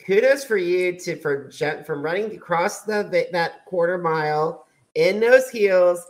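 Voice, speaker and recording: A man's voice: sits high, a little slow, rough recording. A man hosting a podcast, asking questions and reacting in a loose, chatty interview. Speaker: podcast host. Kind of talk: casual interview.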